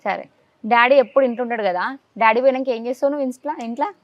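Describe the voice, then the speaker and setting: A woman interviewing a child in a casual chat, coaxing answers out of them with quick questions. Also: a little high, no room sound. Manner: coaxing, rapid-fire questions. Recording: dull lo-fi dry sound.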